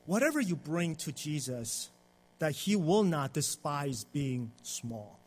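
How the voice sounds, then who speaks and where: A man with a somewhat high, husky voice preaches a sermon. He speaks in short, halting phrases, often filling gaps with small hesitations and pausing between lines. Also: very animated, darkish tone. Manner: halting, with frequent fillers and pauses between phrases. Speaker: pastor. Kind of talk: sermon with live interpretation.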